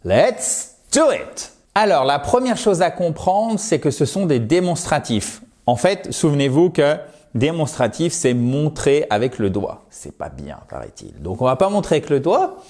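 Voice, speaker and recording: A man's voice: a little high, expressive, moderate pace, darkish tone. A middle-aged French-speaking man teaching English in a video lesson at home, patiently modelling each word with exaggerated care.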